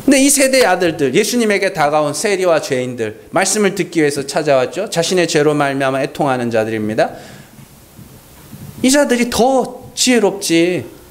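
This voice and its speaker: A man's voice: on the high side, very animated, fast, hardly any pauses, slight background noise. A male pastor preaching a Sunday sermon, asking rhetorical questions and acting out mocking dialogue.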